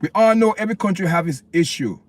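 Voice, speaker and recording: The Jamaican man's voice is high-pitched and expressive, moving at a quick pace with no room sound. Hosting a livestream in his Jamaican accent, he passionately and repetitively rants his opinions, preaching to viewers he addresses as "people."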